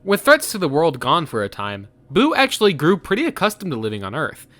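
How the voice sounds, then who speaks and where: A man's voice: on the high side, wildly swooping pitch, fairly quick, fairly bright tone. A man delivering scripted narration for a versus show in a dramatic, theatrical storytelling manner. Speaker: show co-host. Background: faint background music.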